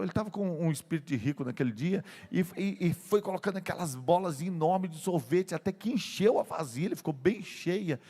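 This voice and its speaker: Older male pastor, gravelly voice in a hall. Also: a little high. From Brazil. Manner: tells a personal story with emotion, often slowing and dropping to a soft voice. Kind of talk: sermon storytelling. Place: church sanctuary. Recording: long church hall reverb.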